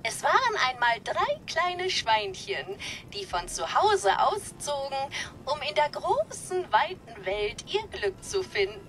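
A woman's voice: high-pitched, pushed and bright, slight background noise, heavily acted. A woman voicing a prim female robot nanny with a slight robotic filter, telling a fairy tale sweetly in video game dialogue. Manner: sing-song, sweetly doting storyteller.

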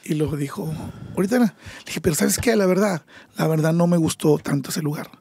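A middle-aged man with a Mexican accent, a podcast guest telling his story in a lively way and acting out the voices of the people in it. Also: on the high side, brisk, gravelly, slight background noise. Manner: animated, acts out voices in his stories. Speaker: podcast guest, taco shop owner. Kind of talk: storytelling interview.

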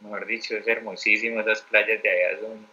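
Colombian man, interview guest, chatty and rambling, sharp bright tone, low-pitched; fine for travel-story talk. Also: little pitch movement, a little fast, rough recording. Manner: rambling, many fillers and restarts. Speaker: interview guest, mentor teacher.

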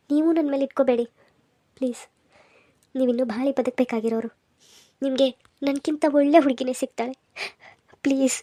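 A woman's voice: high voice, mellow, no room sound. A woman voicing a sorrowful young orphaned woman who pleads earnestly, with a North Karnataka accent. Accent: North Karnataka Kannada. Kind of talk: cartoon voice acting.

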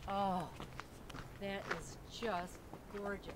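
A middle-aged woman guiding a casual walking tour of a garden, talking in a gentle, admiring way with many fillers. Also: mid-range voice, flat delivery, drawn-out words. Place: outdoor botanical garden. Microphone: camera held by companion. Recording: outdoor noise on camera mic.

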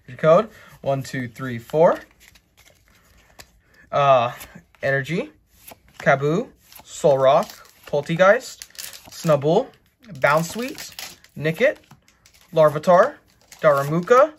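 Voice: mid-range voice, expressive, slow pace, long pauses, breathy edge. A co-host chatting casually while opening card packs, rambling and leaning on "like" and "uh". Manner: rambling, heavy on fillers like "like" and "uh".

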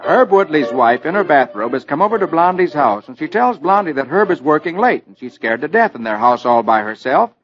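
A man hosting a children's radio show in 1950s storytelling style, reading the comics with lively, playful narration. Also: on the high side, a little fast, hardly any pauses, lo-fi sound, a crowd in the background. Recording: scratchy old radio recording.

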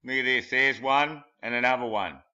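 A man's voice: medium pitch, normal speed, bright, forceful tone, smooth. A man mocking pictures in a rambling, crude commentary, laughing at his own jokes. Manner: crude and blunt. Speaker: conspiracy video commentator. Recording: dull lo-fi home recording.

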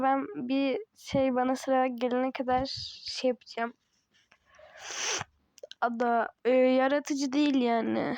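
A woman's voice: sits high, a little mellow, dry recording. A woman giving casual, teasing commentary over a game she is playing, chatting to herself and laughing often. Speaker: gaming channel host.

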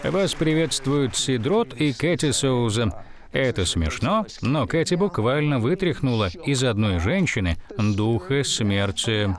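A man dubbing an older talk show host, who asks questions and announces segments in a measured way. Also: mid-range voice, animated, a faint crowd.

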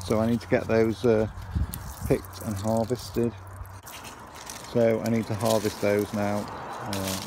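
Gravelly-voiced man touring his allotment. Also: fairly low pitch, background noise. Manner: relaxed, hesitant with many ums and uhs. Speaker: allotment vlogger. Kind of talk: casual garden tour narration. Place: outdoor allotment and greenhouse.

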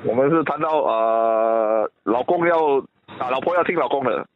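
A man's voice: medium pitch, moderate pace, a little hiss or hum. A man with a Malaysian accent on a phone call, blunt and teasing, pressing his friend with questions. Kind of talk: casual phone chat. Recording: tinny phone line.

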